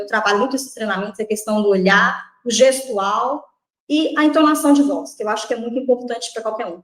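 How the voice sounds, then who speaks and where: A woman from Brazil speaking as a guest trainer, quick and a little high-pitched. She builds her points in short stacked phrases, tagging many with "né", and the room around her rings with echo. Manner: measured, list-like explanations, frequent "né". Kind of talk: interview answers.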